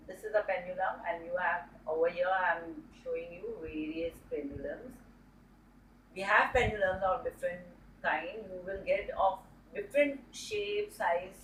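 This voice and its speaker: A woman's voice: lowish voice, slight background noise. A woman teaching a spoken tutorial, explaining step by step and often repeating herself. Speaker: dowsing teacher. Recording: roomy sound from a distant mic.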